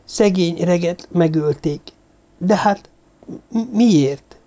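A man's voice: on the high side, mellow, pitched above the performer's own voice, lightly acted. A man voicing a frightened young Mexican woman who stammers in fear, in an audiobook. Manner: stammering, fearful.

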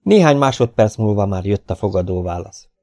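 A man narrating an audiobook in a lively, dramatic reading. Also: on the low side, no room sound, studio quality. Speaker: audiobook reader.

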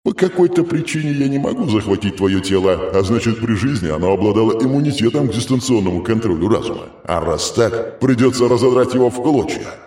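A man's voice: fairly low pitch, lively intonation, fairly quick, hardly any pauses, a little mellow, slightly rough. A man playing a haughty demon prince. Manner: haughty, sneering, growling. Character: arrogant male demon prince, sin of pride.

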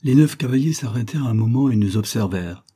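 A man reading an audiobook aloud, telling a first-person adventure with expressive, dramatic swells. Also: medium pitch, fast, husky. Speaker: audiobook narrator. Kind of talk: scripted audiobook narration.

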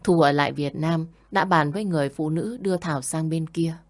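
A woman reading a story aloud in a steady, scripted narration. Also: deep voice, fairly quick.

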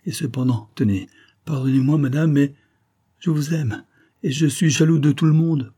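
A man's voice: fairly high pitch, moderate pace, dark tone, husky, pitched above the performer's own voice. A man voicing a passionate young man in love in an audiobook, pleading and ardent. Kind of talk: audiobook reading.

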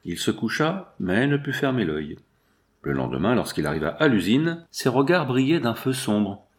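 A man narrating a classic novel as a scripted audiobook, in a measured, expressive storytelling manner. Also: mid-range voice.

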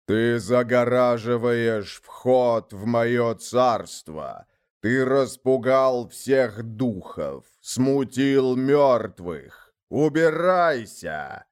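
A man puts on a giant lord of the dead in a storybook tale, booming and growling with heavy, drawn-out words. His voice swings between low rumbles and loud outbursts, wrathful and scornful. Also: lively intonation, clear, resonant tone. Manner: thundering, growling, slow.

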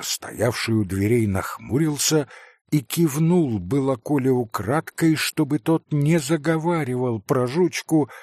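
Slow, gravelly male audiobook narrator. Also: mid-range voice, darkish tone, no room sound, clean studio sound.

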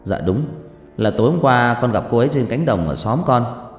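A man's voice: mid-range voice, animated, normal speed, natural voice. A man playing an earnest young village man. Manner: polite, stammering. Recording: echoey hall with faint music.

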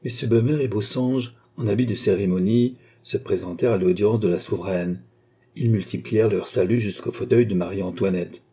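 A man narrating a classic novel as an audiobook in a measured, even reading. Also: lowish voice, husky.

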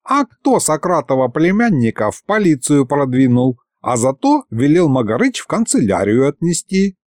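A man's voice: on the high side, big pitch swings, normal speed, darkish tone, no echo, clean studio sound. Brief: a man as a sly old grandfather over 70, ex-bandit, folksy and wheedling, for an audiobook.

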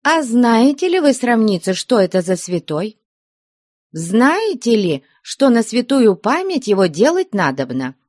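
A woman voicing a good-natured older nun who scolds the convent girls in a high, indignant voice. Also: very animated, measured pace, darkish tone, no echo, clean studio sound. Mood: stern. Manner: scolding, shrill, scandalized.

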